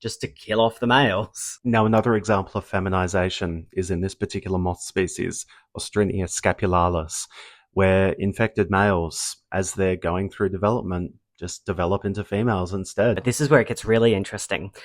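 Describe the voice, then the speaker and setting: A man's voice: on the low side, dry recording. A man presents an informal, enthusiastic, sweary science explainer into a small handheld mic. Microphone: small handheld mic held close to the mouth.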